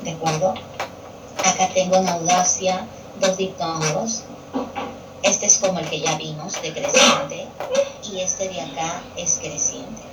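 A woman's voice: fairly low pitch, fairly even intonation, unhurried, recorded from a distance. Woman teacher explaining grammar from afar. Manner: patient, repeats key terms for students. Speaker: Spanish language teacher. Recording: echoey room picked up from afar with television noise.

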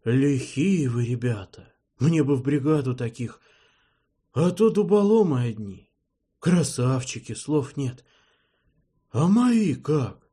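A man's voice: mid-range voice, expressive, takes it slowly, warm tone, husky, voice pushed up. A man voicing an older male criminal boss who talks in shrewd, cocky street slang in an audiobook. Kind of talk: audiobook character voice.

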